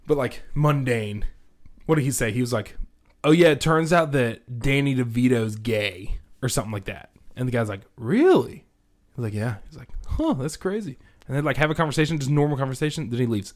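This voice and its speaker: Young male podcast co-host, expressive pitch, acts out the people in his stories. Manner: animated storyteller, acts out quotes. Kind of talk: casual chat.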